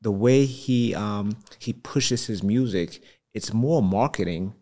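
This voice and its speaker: A man's voice: lowish voice, takes it slowly, a little mellow. A man with a Brooklyn accent in casual podcast chat, slangy and conversational, often saying "you know". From Brooklyn, New York. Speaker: podcast guest, real estate entrepreneur.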